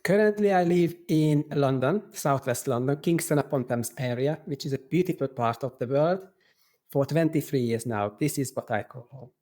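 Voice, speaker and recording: A middle-aged man from Hungary with a strong Hungarian accent, a podcast guest who talks in an earnest, halting way. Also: medium pitch, dark tone. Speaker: podcast guest, qigong instructor.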